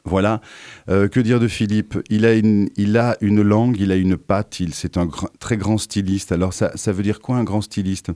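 A man's voice: on the low side, flat delivery, normal speed, mellow, dry recording. A man speaking as a guest on a radio interview, articulate and enthusiastic but with fillers. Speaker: radio guest, university theatre organiser.

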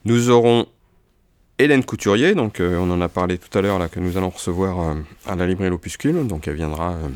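A bookseller presenting authors in a relaxed chat, hesitant, with many fillers and restarts. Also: male voice, sits low, fairly quick, clean tone, dry recording.

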